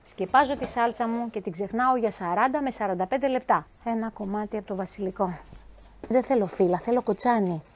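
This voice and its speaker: A woman chef giving a cooking demonstration, talking lively and chatty, speaking straight to her viewers. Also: fairly high pitch, a little hiss or hum.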